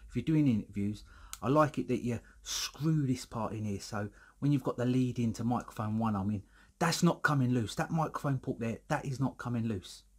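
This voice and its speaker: A man, a little out of breath, chats his way through a product review in a loose, rambling way. His voice is slightly husky, and he keeps restarting his sentences. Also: medium pitch. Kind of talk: casual product review vlog. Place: indoor room, filming himself alone.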